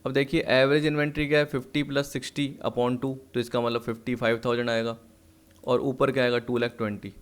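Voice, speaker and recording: A man's voice: medium pitch, level tone, fast talker. A man teaching accounts, working through exam questions by asking and answering his own questions, at times short of breath. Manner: asks and answers his own questions, mixing English terms. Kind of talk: solving exam questions on a lesson video.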